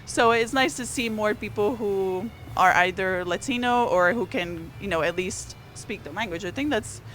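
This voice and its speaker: A Portuguese-native columnist talks politics on a live stream at a moderate pace in a medium-pitched, slightly bright voice. The recording is low-quality, with slight background noise. She's conversational, using fillers and restarts and building energy on key points.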